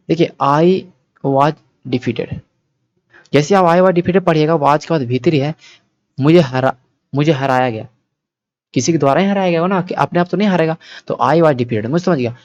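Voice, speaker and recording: A man's voice: a little high, darkish tone, dry recording. Man teaching English grammar, repetitive. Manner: explains patiently, repeats points, checks understanding often. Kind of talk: Hindi-English exam-prep lecture. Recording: dull, dry, lo-fi sound.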